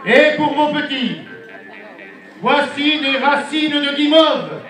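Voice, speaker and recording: Heard from a distance with echo and music, a man acts out a medieval town crier selling herbal cures. He declaims theatrically in a very high-pitched voice, stretching out his street patter like a grand proclamation. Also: expressive, takes it slowly, fairly bright tone, heavily acted. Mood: hawking, insistent. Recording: distant, echoing outdoor event recording with music.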